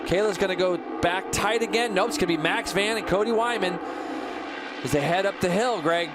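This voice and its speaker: A man giving live motorsport commentary as the race analyst, excitable and explanatory. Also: sits high, a little fast, over loud music.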